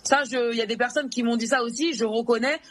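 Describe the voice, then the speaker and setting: A woman's voice: fairly high pitch, fairly even intonation. Hesitant woman answering questions. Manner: halting, hesitant, many restarts. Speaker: interview guest.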